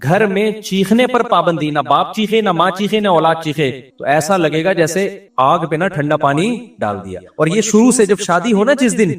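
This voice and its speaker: A man giving a religious lecture, telling lively stories and acting out voices in the dialogue. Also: high-pitched, hardly any pauses. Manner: lively storytelling, acts out voices in quoted dialogue. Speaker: Islamic scholar giving a religious talk. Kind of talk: religious lecture with humorous anecdotes. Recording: roomy, distant mic.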